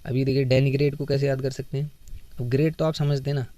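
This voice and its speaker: Mellow-voiced man teaching vocabulary. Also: medium pitch, level tone, fast, no echo. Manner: explains with memory tricks and acted everyday examples. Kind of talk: casual Hindi exam-prep lesson.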